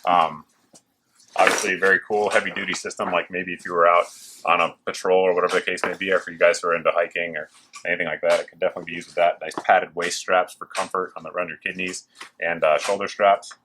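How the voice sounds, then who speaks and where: A man with a very low voice presents gear to viewers like an excited, informal video host. He talks casually and keeps it chatty. Factory machines hum faintly behind him as he talks. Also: fast. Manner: enthusiastic, informal. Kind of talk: casual product showcase to camera. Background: working machines and clicks.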